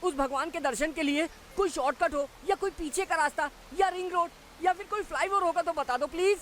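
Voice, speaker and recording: A man's voice: very high voice, fairly bright tone, slight background noise. A man dubbing a comic young man who chants and pleads with a holy man, in a Hindi film dub. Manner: comic, fast-talking and eager. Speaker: young man trying to meditate.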